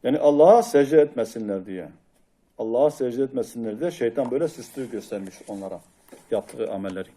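A man's voice: mid-range voice, lively intonation, a little fast, mellow. A man teaching a lesson on a classical grammar text, reading passages aloud and explaining them with frequent hesitations. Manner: reads Arabic passages then explains them in Turkish, with frequent hesitation sounds.

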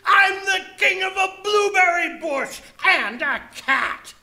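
Pompous turtle king, voiced by a woman: high, bright, slow, bellowing and bossy, storybook read-aloud. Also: lively intonation, exaggerated voice. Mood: gloating.

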